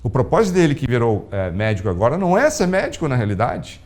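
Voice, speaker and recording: Animated preaching man, lively pitch. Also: fast talker. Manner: animated storytelling, acting out dialogue with big pitch swings. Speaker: pastor. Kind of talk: sermon.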